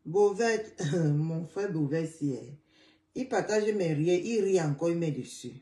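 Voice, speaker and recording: A hoarse woman hosting a casual live chat, greeting viewers by name and repeating calls to share. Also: lowish voice, lively intonation, unhurried, mellow, distant mic. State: hoarse, voice partly gone. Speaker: livestream host. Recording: roomy sound, away from the mic.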